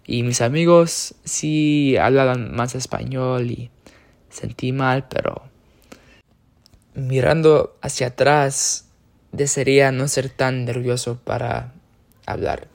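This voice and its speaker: This is casual personal talk from a young American man whose steady, mid-range voice carries vocal fry. He takes his time sharing his experience, hesitating with many fillers and frequent self-corrections.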